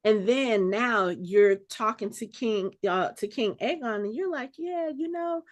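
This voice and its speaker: A woman co-hosting a casual podcast, talking over scenes in an animated way and acting out the exchanges as she recaps them. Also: medium pitch, measured pace. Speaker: podcast co-host. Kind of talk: casual chat.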